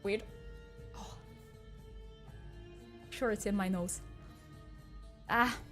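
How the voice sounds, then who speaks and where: A man's voice: high voice, steady tone, extremely slow, bright, forceful tone, full character voice. A man speaking through a voice changer that makes him sound female, playing a teasing, sarcastic AI avatar who chats casually with viewers. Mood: chatty. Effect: voice changer making a man sound female. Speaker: streamer. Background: faint game soundtrack music.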